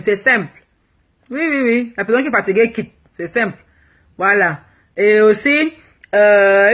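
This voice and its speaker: A plus-size fashion blogger from Cameroon answers viewers' comments live in a frank, teasing way, speaking French with a Cameroonian accent and dropping in English phrases. Her mid-range voice has a fairly bright tone and a breathy edge.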